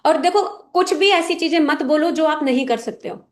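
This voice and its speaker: A woman's voice: high-pitched, normal speed. A woman leading a business meeting, giving direct, instructive advice to her sales team and often checking that everyone understands. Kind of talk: motivational talk to a sales team.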